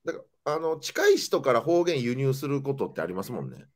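Lively young man telling stories. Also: mid-range voice, fairly quick. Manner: animated storytelling, voice jumping up and down. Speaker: comedian and podcast host. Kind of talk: casual chat.

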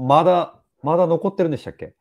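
A man's voice: a little high, quick pace, gravelly, dull audio. A man chatting casually as co-host, agreeing often and adding short questions. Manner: frequent eager backchannel agreement. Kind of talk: casual chat.

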